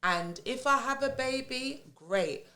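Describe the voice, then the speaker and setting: A woman's voice: high-pitched, slow pace. Frank, laughing London woman in her thirties. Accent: London English. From England. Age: 30s. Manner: frank, animated, laughs often, swears freely. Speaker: podcast guest. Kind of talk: casual chat.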